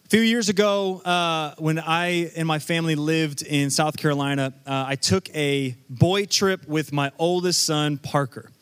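A man's voice: on the high side, unhurried, few pauses, smooth. A man in his thirties preaching a sermon to a live congregation, telling stories and joking with the crowd. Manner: lively storytelling with crowd banter. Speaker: pastor.

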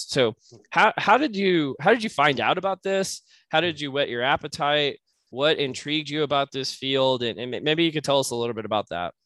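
A man's voice: mid-range voice, a bit bright, no echo. A man hosting a podcast interview, chatting in an easygoing, teasing way. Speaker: podcast host. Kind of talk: casual interview chat.

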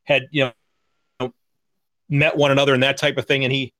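A man's voice: medium pitch, flat delivery, brisk, fairly bright tone, no room sound. A man hosting a podcast in casual chat, talking hesitantly with many restarts. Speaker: podcast host.

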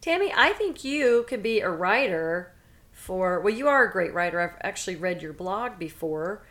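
A woman's voice: lowish voice, expressive, moderate pace, fairly bright tone. A woman in her fifties co-hosting a podcast, talking frankly and chattily. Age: 50s. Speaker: podcast co-host. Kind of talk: casual chat.

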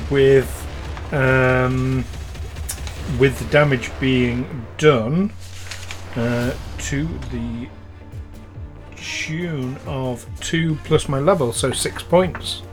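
A man playing a tabletop game, casually explaining rules in halting fragments. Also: medium pitch. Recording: background music under the voice.

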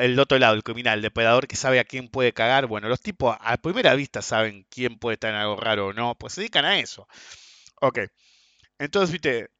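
Argentine man, blunt casual ranter with crude slang; forceful bright tone, dull lo-fi capture. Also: medium pitch, no room sound. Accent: Argentine Spanish. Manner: blunt and crude, tags sentences with "ok?" and "viste?". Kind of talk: casual ranting monologue. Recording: dull, lo-fi and dry.

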